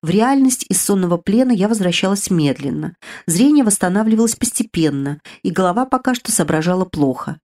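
A woman narrating a first-person fantasy novel in a measured, expressive reading. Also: mid-range voice. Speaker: audiobook narrator.

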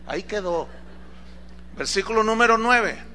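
A male preacher giving a sermon, retelling Bible stories with lively acted-out dialogue. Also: high voice, measured pace, a little hiss or hum. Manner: animated storytelling, acts out quoted lines.

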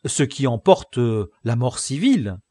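A man's voice: medium pitch, sing-song, measured pace, dark tone, no room sound, clean studio sound. A man voicing a stern, scornful male guard who scolds prisoners. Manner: barking, scolding.

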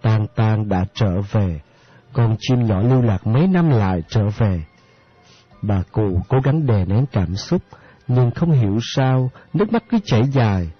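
A man narrating an audiobook in a steady storytelling manner. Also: fairly low pitch, a little slow, husky, dry recording, soft background music. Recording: dry, slightly muffled audiobook.

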